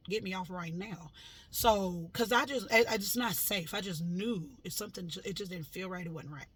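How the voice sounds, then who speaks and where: A woman casually recounting a dream to her viewers, animated and dramatic, getting loud when she quotes herself, with lots of fillers. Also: mid-range voice, fairly quick, husky. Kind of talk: casual storytelling.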